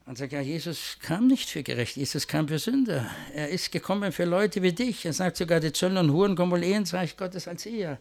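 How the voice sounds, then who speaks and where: A man's voice: sits high, animated, a little fast, hardly any pauses. A man preaching a sermon, telling a story in a storytelling way that rises to fervent emphasis, then closing with a prayer.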